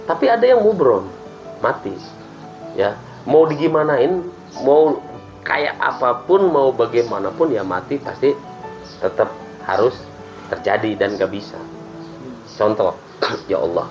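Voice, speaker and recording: Indonesian man teaching in a relaxed chat. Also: medium pitch, unhurried, long pauses, soft background music, rough recording. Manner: lively explaining with acted-out prayers and laughs. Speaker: religious teacher. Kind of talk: casual podcast chat on Islamic teaching.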